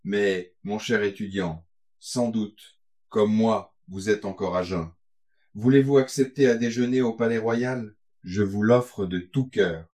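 A man's voice: fairly low pitch, unhurried, mellow, lightly acted. A man playing an old grey-haired viscount, affable and courtly, speaking to a young student. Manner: affable, patronizing.

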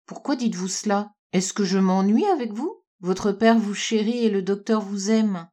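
A woman voicing a kind, sensible old nursemaid who speaks gently and soothingly in a storybook reading. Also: medium pitch, moderate pace, natural voice.

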